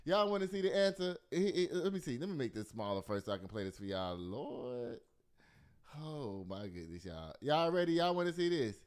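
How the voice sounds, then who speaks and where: A man with an American accent hosts casual comic news commentary, animated, colloquial and full of mocking exclamations. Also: mid-range voice, moderate pace, smooth. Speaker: talk show host.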